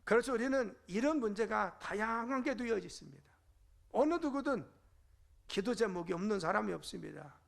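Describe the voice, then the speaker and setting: A man's voice: high-pitched, expressive, normal speed, gravelly. A middle-aged male pastor preaching a fervent sermon in a church, asking rhetorical questions and answering them. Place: church sanctuary.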